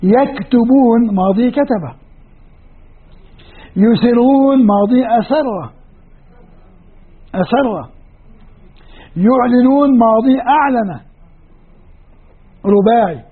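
A man's voice: extremely high pitch, slow, long pauses, slightly rough. A man with a Levantine Arabic accent teaching a classroom lecture on Quranic grammar, explaining step by step and posing questions to his students. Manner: explanatory, poses questions to students and answers them. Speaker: Islamic studies teacher. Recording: tinny lo-fi phone-like recording.

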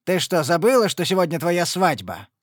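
Guy doing a roaring mean old soldier dad, higher and louder than his narrating, storybook style. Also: a little slow, no room sound, studio quality, natural voice. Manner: roaring, harsh scolding. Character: brutal old male ex-mercenary father, bellowing.

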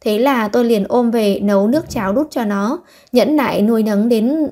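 Woman reading as a sad humble old guy in an audiobook, talks slow, soft mellow voice. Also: on the high side, close to an everyday voice. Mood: tender. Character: simple-hearted older man, grieving and humble.

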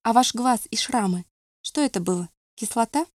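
A woman's voice: a little high, animated, normal speed, dry recording, clean studio sound, natural voice. A woman reading the questions of a curious young woman in an audiobook. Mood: probing.

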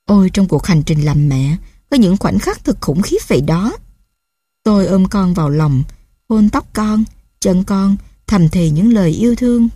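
A woman's voice: mid-range voice, lively intonation, measured pace, dark tone, dry recording, clean studio sound. A mother reading her own story aloud in a tender, reflective way. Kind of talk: reading a personal memoir aloud.

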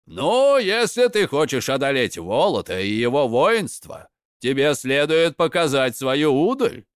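A man's voice: mid-range voice, sing-song, measured pace, no room sound, studio quality. A man reading a fairy tale aloud and voicing giant men disguised as shepherds who taunt and challenge a hero.

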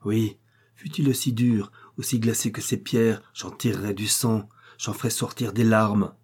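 Man voicing a proud young heiress, scornful, vehement, low husky tone. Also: steady tone, unhurried, a little mellow. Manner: scornful, vehement accusing tirade.

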